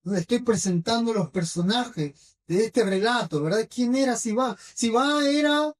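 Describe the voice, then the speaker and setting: Slow-speaking Argentine woman preaching. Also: a little high. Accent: Rioplatense Spanish. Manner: checks in with the congregation with frequent tag questions; retells scripture slowly, with pauses and fillers. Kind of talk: sermon. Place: church hall. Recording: voice from a distance.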